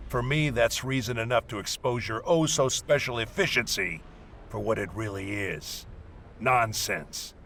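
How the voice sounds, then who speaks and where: A man's voice: mid-range voice, a little slow, vocal fry, fairly bright tone, slight background noise. A man playing a hostile, bossy warrior leading a scouting mission in a video game, curt and scornful. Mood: contemptuous, bitter. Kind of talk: video game dialogue acting.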